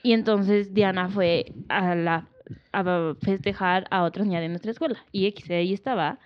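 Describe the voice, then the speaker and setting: A woman's voice: medium pitch, normal speed, no room sound. A woman in her twenties with a Mexican Spanish accent, chatting casually and teasing her friend bluntly. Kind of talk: casual chat. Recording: dry, muffled lo-fi audio.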